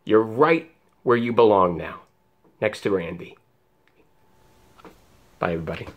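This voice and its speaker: A man's voice: fairly low pitch, animated, unhurried, muffled recording. An American man, a filmmaker hosting and presenting to viewers in a scripted style. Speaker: host, filmmaker.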